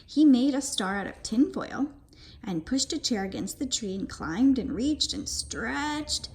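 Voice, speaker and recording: A woman reading a children's picture book aloud in an expressive, sing-song way. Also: on the high side, measured pace. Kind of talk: storybook read-aloud.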